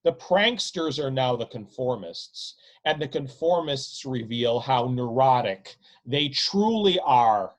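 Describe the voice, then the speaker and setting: Narrating his own novel, a man speaks with a medium-pitched, expressive voice, drawing out phrases deliberately and dramatically for emphasis.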